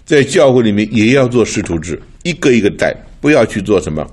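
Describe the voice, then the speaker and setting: A man's voice: on the low side, sing-song, brisk, a little mellow. An older man from Taiwan preaching in a chatty, storytelling way, laughing often and mixing in English words. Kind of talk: sermon with personal stories.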